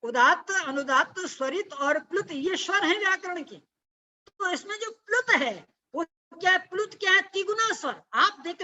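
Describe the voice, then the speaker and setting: A woman's voice: very high-pitched, sharp tone. A woman preacher giving a devotional sermon, explaining scripture with rhetorical questions and chanted Sanskrit verses. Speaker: religious preacher.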